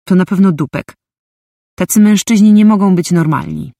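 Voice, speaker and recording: A woman's voice: mid-range voice, moderate pace, warm tone, dry recording, clean studio sound. Woman narrating a story in first person. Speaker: audiobook narrator.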